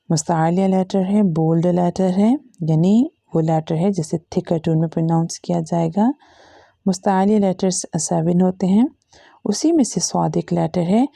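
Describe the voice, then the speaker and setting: A woman teacher with an Urdu-Hindi accent walks through a recitation lesson letter by letter, stretching each sound patiently. Her voice is dark and mellow with a gravelly edge. The recording is dry and close. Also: fairly low pitch, no echo. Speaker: Quran reading teacher. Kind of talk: slow step-by-step recitation lesson.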